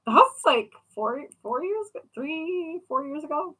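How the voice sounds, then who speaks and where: Bright-voiced chatty young woman. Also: high voice, sing-song, moderate pace, low-quality recording. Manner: chatty, rambling with many fillers. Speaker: craft shop owner and vlogger. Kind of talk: casual chat answering viewers.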